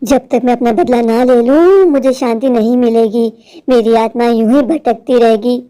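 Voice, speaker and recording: A woman voicing a vengeful female witch spirit in a horror cartoon, who makes slow, drawn-out threats and sings eerily. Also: fairly high pitch, mellow, lightly acted. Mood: menacing.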